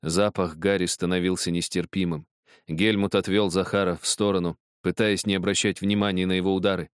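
A man reading a novel aloud as narrator, measured and expressive. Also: low-pitched, clear, resonant tone, no room sound. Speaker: audiobook narrator. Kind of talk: scripted narration.

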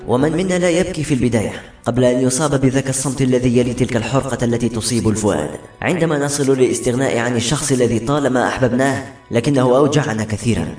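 A man's voice: medium pitch, rapid-fire, natural voice. A man voicing Maysan, a steadfast loving mother. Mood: earnest. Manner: earnest and steady. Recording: roomy echo, faint music behind.

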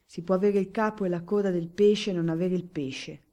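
A woman reading as Filippino, a poor, anxious father who gruffly scolds his children and speaks in fatalistic sayings, in a storybook. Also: sits high, fairly even intonation, brisk, mellow, close to an everyday voice. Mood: scolding.

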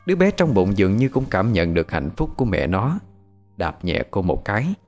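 A man narrating a ghost story in a measured, dramatic way. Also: low-pitched, big pitch swings, a little mellow, faint music behind.

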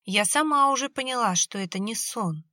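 A woman voicing a little girl who talks softly and haltingly as if in a dream. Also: fairly high pitch, expressive, no room sound, clean studio sound, voice pushed up. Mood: dreamy, faint.

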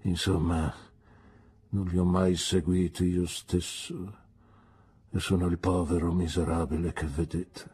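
A woman reading an audiobook, voicing a pompous, grandiloquent middle-aged man who talks in slow, theatrical, emphatic declamations. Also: a bass voice, flat delivery, warm tone, breathy edge, heavily acted. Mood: gloomy.

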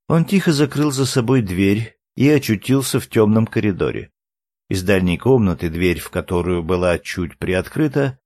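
A man narrating a novel as an audiobook in an even, measured reading. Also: on the low side, no room sound. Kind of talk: scripted narration.

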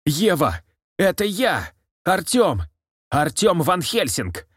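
A man's voice: lowish voice, lively intonation, unhurried, no room sound, clean studio sound. A man voicing a young male monster hunter, urgent and emotional. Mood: desperate.

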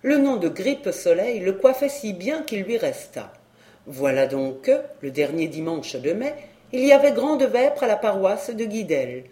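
A woman narrating a classic French tale as an audiobook, reading in an expressive, theatrical manner. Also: mid-range voice, measured pace. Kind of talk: storybook narration. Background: soft instrumental music.

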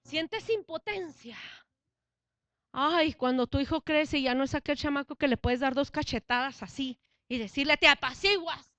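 A woman preacher, delivering a lively sermon. Her voice sits high and bright. It is recorded dry and close, with no room echo. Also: normal speed, dull audio. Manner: animated, swings from hushed to shouted.

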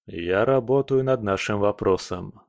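A man's voice: on the low side, unhurried, dry recording, clean studio sound. Man reading a curt, guarded tough guy. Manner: curt, restrained.

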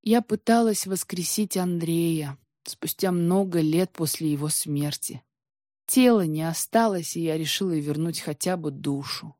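Emotional storybook archivist woman, read by a woman narrator, mellow dark tone, dry close sound. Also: mid-range voice, moderate pace, no echo, lightly acted. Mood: sorrowful.

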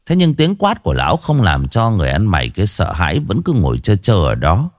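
A man's voice: low voice, huge pitch swings, a little fast, dry recording, studio quality. A man narrating a ghost story with dramatic, rising and falling delivery.

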